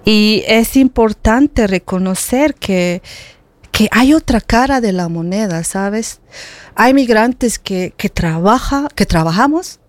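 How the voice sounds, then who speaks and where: A woman's voice: mid-range voice, expressive, takes it slowly, dry recording. A middle-aged woman talking earnestly in a casual conversation, often repeating words as she searches for them. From Bolivia. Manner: earnest, with frequent hesitant repetitions.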